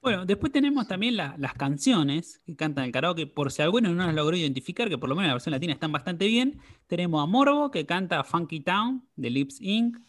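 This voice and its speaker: A man's voice: high voice, very animated, a little fast, few pauses. A man with a Rioplatense Spanish accent, co-hosting a podcast and summarizing an episode in casual chat. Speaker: podcast co-host.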